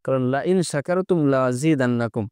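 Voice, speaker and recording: A man's voice: mid-range voice, a little fast, darkish tone, clean tone, no echo, clean studio sound. A man with a Bangladeshi Bengali accent teaching an online Arabic grammar lesson. He keeps asking questions and coaxes the students to answer.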